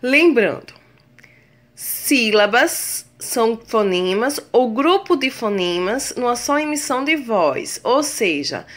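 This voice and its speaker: A woman teacher speaks in a bright, clear voice, taking her time over each word. Her pitch rises and falls freely as she stretches words out syllable by syllable for her pupils. She calls the class her darlings. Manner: slow, drawn-out spelling of words syllable by syllable; affectionate, addresses pupils as darlings. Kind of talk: recorded remote lesson.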